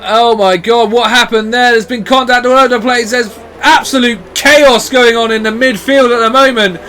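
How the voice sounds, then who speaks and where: Man, high voice, excitable motorsport commentator, live race calling, exclamatory, faint vehicle noise behind. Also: normal speed.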